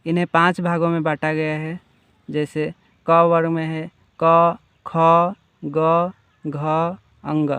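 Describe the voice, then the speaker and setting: A man teaching Hindi grammar in a slow, explanatory lesson, defining each term and then restating it. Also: on the high side, level tone, fairly bright tone, clear, resonant tone, no room sound.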